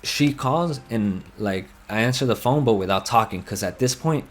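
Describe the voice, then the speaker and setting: A man's voice: mid-range voice, animated, moderate pace. A young man on a headset in game voice chat, telling a long heated story full of swearing and rambling asides. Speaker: gamer telling a personal story. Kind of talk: casual chat over game voice chat.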